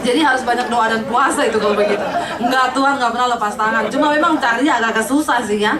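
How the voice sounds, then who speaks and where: A woman preacher giving a lively sermon, joking with the congregation and calling them to trust God. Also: fairly high pitch, quick pace, a crowd in the background. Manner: lively and joking, with sudden sung lines. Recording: echoey hall, distant mic.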